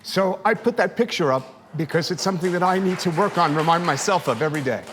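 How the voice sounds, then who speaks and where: A man's voice: high-pitched, expressive, fast talker, big-room sound, background noise. A man speaking earnestly in an interview about his feelings, his voice tender and emotional. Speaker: fitness class participant. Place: fitness studio.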